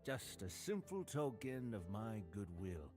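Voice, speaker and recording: A man's voice: lowish voice, big pitch swings, a little slow, a little mellow, faint music behind. A man voicing a suave, courteous hotel bartender in a video game who oddly collects ears, speaking in a polite, genteel manner. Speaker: game character.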